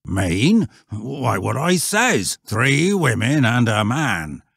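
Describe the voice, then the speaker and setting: A man's voice: medium pitch, very animated, takes it slowly, vocal fry, a bit bright, husky, dry recording, clean studio sound, pitched above the performer's own voice, full character voice. A man voicing a grave old country shepherd in a story, with a rural English accent and emphatic, folksy speech. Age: older. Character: old male country shepherd, grave, cautionary, plain-spoken.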